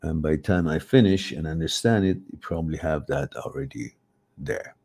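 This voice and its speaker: A middle-aged man from Iran speaks Farsi as host of a live advice stream, reading out questions from viewers. His voice is a rumbling low, creaky, slightly rough yet a little mellow, at a moderate pace. He rambles and often corrects himself.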